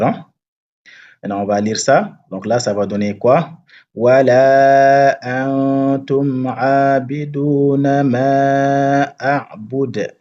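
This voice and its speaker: A man teaching Quran recitation rules step by step, patiently checking that learners follow and chanting the verses slowly. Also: lowish voice, warm tone, highs cut off, a little hiss or hum. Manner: patient, repeats and checks understanding; slow drawn-out recitation of verses. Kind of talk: step-by-step tajweed lesson.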